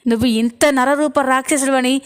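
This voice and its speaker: An angry young woman presses her brother-in-law for the truth, fierce and accusing, read by a woman in her own voice. The pitch is high and light in this storybook retelling. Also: fairly even intonation, normal speed, clean tone, lightly acted. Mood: furious.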